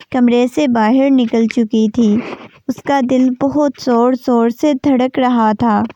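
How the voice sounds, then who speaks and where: A woman narrates a romance novel in a steady, even reading voice, fairly high yet mellow. The recording is dry and close, with a dull, lo-fi sound. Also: no echo. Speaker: novel reader. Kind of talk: storybook narration.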